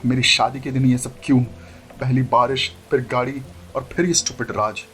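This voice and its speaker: A man's voice: mid-range voice, steady tone, normal speed, a bit bright, a little hiss or hum, voice pushed down, natural voice. A man voicing a frightened, bossy young bride who pleads and snaps at her companion in an exasperated manner. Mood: annoyed.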